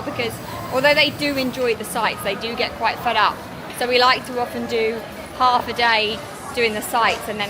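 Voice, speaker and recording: A British woman giving casual, chatty travel vlog narration straight to her viewers. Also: fairly high pitch. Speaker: family travel vlogger. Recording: noisy busy public places, crowd chatter behind. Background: crowd chatter and urban bustle.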